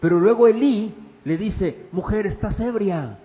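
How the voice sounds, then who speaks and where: A man preaching a sermon as pastor, questioning the congregation and swinging from loud to hushed. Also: sits high, unhurried, long reverb tail, poor audio. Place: church.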